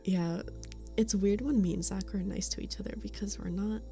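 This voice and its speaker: Faint music plays behind a woman streamer whose medium-pitched voice is steady, creaky, and warm, at a moderate pace. Chatting casually with her live chat through a studio condenser mic, she laughs often between remarks and at times whispers.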